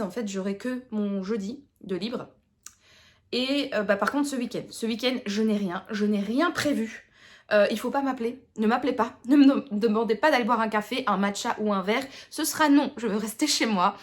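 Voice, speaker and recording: Chatting to camera about what she's been reading, this young woman from Tournai, Belgium, speaks with the local Tournai Picard accent of Belgian French. She's a book vlogger whose fairly high voice moves briskly, loaded with fillers, false starts and self-deprecating humor.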